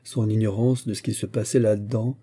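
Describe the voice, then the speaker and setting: A man narrating a classic novel as an audiobook, in a measured, expressive reading. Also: lowish voice, husky.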